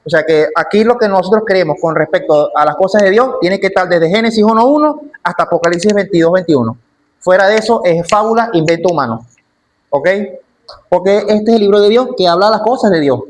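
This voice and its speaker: A man's voice: high-pitched, expressive, a little fast, slight background noise. A man teaching a church Bible class in an emphatic way, often repeating his key phrases.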